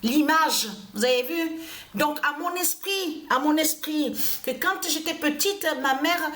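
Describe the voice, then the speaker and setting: A woman's voice: high-pitched, measured pace, fairly bright tone, echoey room. A woman telling a personal story in an agitated, repetitive way, cursing often. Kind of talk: angry personal storytelling monologue.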